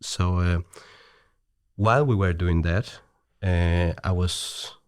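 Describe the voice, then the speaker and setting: Slow and steady, a middle-aged Chilean man's low, clean-toned voice carries his Chilean Spanish accent through a casual podcast chat. He hesitates, restarts a lot, and laughs readily, all captured in clean studio audio without echo.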